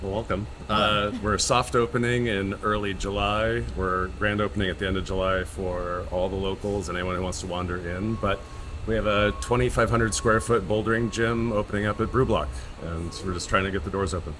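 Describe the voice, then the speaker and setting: Deep-voiced man gym owner. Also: steady tone, brisk, background noise. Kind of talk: interview answers.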